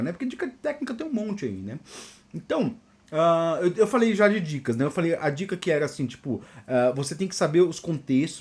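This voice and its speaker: A Brazilian man, a software engineer and channel host, tells work stories in a casual monologue and often adds a quick "né?". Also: high-pitched. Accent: Brazilian Portuguese. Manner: animated, peppers talk with "né?".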